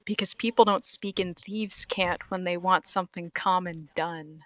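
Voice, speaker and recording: A woman's voice: fairly low pitch, slow, dry recording, dull audio. Woman playing a coy, conspiratorial rogue. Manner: hushed, conspiratorial. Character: cocky young female rogue, coy and streetwise.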